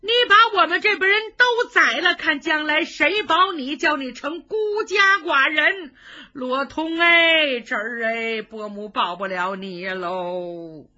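A woman's voice: on the high side, expressive, pushed and bright, husky, full character voice. A woman doing a wailing old noblewoman. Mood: tearful pleading. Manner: wailing, drawn-out pleading. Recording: dull lo-fi recording.

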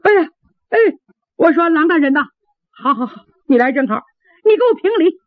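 A sly, arrogant steward, as a woman storyteller puts him on, drawling his words and breaking into overdone wails. The voice is husky and pitched high and lively. The sound is dry and thin like a phone line. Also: a little slow, no echo, full character voice. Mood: indignant. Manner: haughty drawl, theatrical wailing. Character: cunning male steward, arrogant then wailing.

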